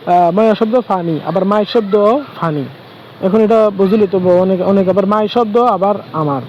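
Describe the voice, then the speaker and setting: A man teaching everyday phrases in a slow, halting way, often repeating and restarting words. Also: high-pitched. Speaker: Arabic language teacher. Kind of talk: informal spoken lesson. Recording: dull lo-fi recording.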